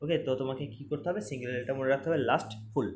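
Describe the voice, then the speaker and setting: Fast-talking male spelling teacher. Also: mid-range voice, fairly even intonation, a little hiss or hum. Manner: spells words letter by letter, repeats for emphasis. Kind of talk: exam-prep spelling lesson. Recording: roomy echo, faint ambience.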